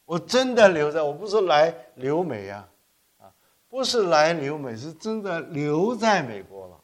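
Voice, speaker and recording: An older man, raised in Korea, preaching an animated sermon full of stories, often correcting himself and dropping English words. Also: fairly high pitch, a little slow. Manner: animated storytelling with frequent self-corrections and code-switching to English. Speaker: pastor.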